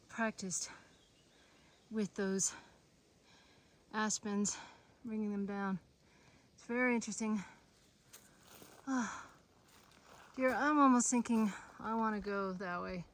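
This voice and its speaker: A woman hosting a hike outdoors in the mountains, chatting and musing aloud as she walks, tired and hot. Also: medium pitch. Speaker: host of a Bigfoot investigation channel. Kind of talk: casual chat while hiking.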